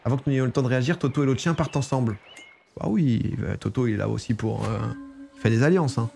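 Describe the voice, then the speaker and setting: A man's voice: mid-range voice, quick pace, vocal fry, dark tone, soft background music. A man casually commenting while he plays a strategy game, chatting and reading game text aloud. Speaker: gaming streamer. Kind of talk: casual let's-play commentary.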